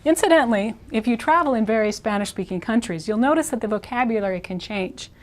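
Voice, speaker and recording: A woman teaching a Spanish lesson, modeling words slowly and repeating each one. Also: a little high, animated. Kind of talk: video language lesson.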